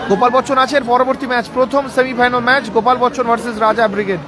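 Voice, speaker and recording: A man giving excited live football commentary in short exclamations. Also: very high-pitched, rapid-fire, a crowd in the background, background noise. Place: outdoor football ground.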